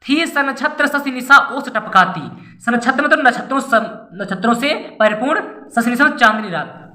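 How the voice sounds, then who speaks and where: Bright, high-voiced woman teaching poetry. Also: roomy sound. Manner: recites lines slowly, then explains in plain speech. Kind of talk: Hindi poetry lesson, reading and explaining verses.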